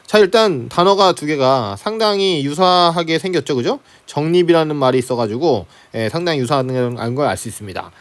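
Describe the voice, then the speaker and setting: A man's voice: fairly high pitch, fairly quick, few pauses. A man teaching reading comprehension for exams in a lecture, often checking in with rhetorical questions. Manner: lively, frequent rhetorical questions and "자, 그죠?" check-ins. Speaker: Korean language teacher. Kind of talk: exam-prep lecture.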